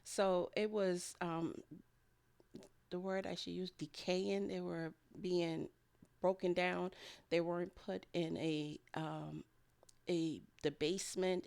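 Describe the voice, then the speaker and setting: This woman's voice sits on the low side, with fairly even intonation, a slow pace, vocal fry and a slightly mellow sound. As a home food and garden vlogger, she rambles through a casual voice-over of a kitchen process, often with a light chuckle.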